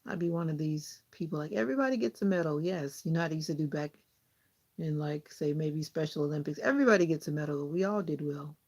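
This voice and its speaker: While trimming her hair, a vlogger with a Southern US accent chats casually with live viewers and laughs often. Her voice is low-pitched and a little mellow, and she talks fast.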